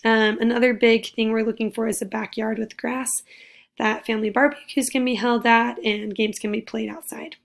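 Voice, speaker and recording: A young woman presenting a class project, her voice raspy because she is losing it, upbeat and full of fillers. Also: a little high, level tone, moderate pace. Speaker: student presenter.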